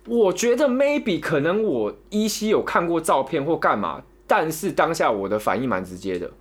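A man's voice: fairly high pitch, moderate pace, slightly rough. A young man with a Taiwanese Mandarin accent, casually telling a long story on a podcast, rambling and repeating words as he goes. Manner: rambling, repeats words, animated when retelling. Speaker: podcast co-host.

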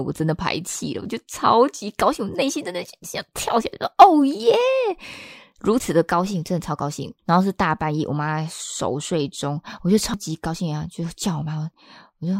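A woman, hosting a podcast and telling a personal story in a chatty, expressive way. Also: fairly low pitch, dry recording, clean studio sound. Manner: chatty and expressive, acts out the people she quotes. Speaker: podcast host.

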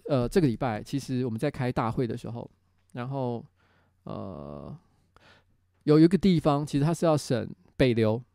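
Taiwanese mandarin guy hosting a stream, talks fast, rambly and candid, dry close sound. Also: medium pitch, warm tone, no room sound. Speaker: host and city councilor. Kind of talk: casual livestream monologue.

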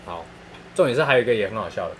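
A man's voice: on the low side, animated, very fast, a little hiss or hum. A man with a Taiwanese Mandarin accent telling funny stories in casual chat, laughing often and using crude slang.

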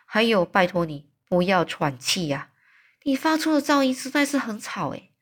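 A woman voicing a big, friendly male giant in a storybook read-aloud, with loud exclamations and wailing cries. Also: medium pitch, sing-song, normal speed. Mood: eager.

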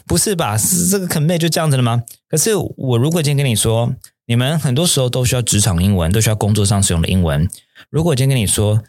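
Chatty low-voiced male teacher. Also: dry recording, studio quality. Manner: chatty, joking, repeats key points. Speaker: English teacher. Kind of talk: online vocabulary lesson.

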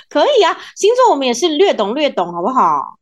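She is a woman with a Taiwanese accent and a fairly high voice. Her pitch moves in big, animated swings as she chats casually like a podcast host, teasing and expressive. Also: fairly quick. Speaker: podcast host, former radio presenter.

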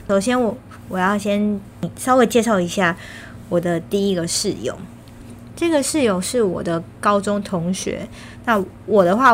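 A woman's voice: mid-range voice, a little hiss or hum. A young woman with a Taiwanese Mandarin accent tells personal stories casually and chattily, with slightly slurred articulation from wearing braces. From Kaohsiung, Taiwan. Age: young adult. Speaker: vlogger.

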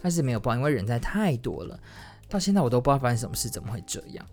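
一位台湾国语口音的男生，随性地讲自己的经历，边说边改口，激动时声音一下拔高。. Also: male voice, racing, soft background music. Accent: Taiwanese Mandarin. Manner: rambling, frequent self-corrections and restarts; animated, jumps to high excited exclamations. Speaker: solo podcaster. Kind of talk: casual storytelling monologue.

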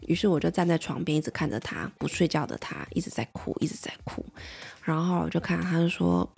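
A woman's voice: deep voice, fast talker, creaky, darkish tone, slightly rough, faint music behind. A woman, a mother chattily telling a parenting story and asking the listener questions. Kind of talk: casual personal storytelling.

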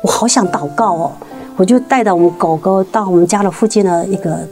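A woman tells her faith testimony in an earnest, halting way, restarting and repeating words and climbing higher when the story gets tense. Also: mellow, faint music behind. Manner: rises sharply in pitch at tense moments. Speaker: guest sharing a faith testimony. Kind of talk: emotional personal storytelling.

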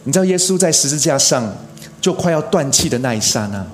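A man delivering a sermon as a pastor, earnest, stressing phrases by slowing down and lifting his voice. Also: on the high side, animated. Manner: earnest, preaching with emphatic rises and slow stressed phrases.

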